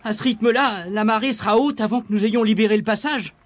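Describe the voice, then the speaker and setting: A man's voice: high-pitched, fast, no room sound, voice pushed up, close to an everyday voice. Man doing a whimpery scared little girl. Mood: worried. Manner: whimpery, anxious. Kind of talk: storybook reading.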